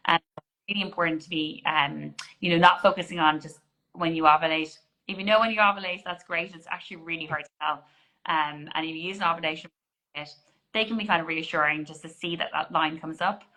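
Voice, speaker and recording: Woman GP, forties, clear bright delivery, talks things through with fillers and restarts. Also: low voice, steady tone, fairly quick, poor audio. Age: 40s. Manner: explanatory, frequent restarts and fillers. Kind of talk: conversational interview answers.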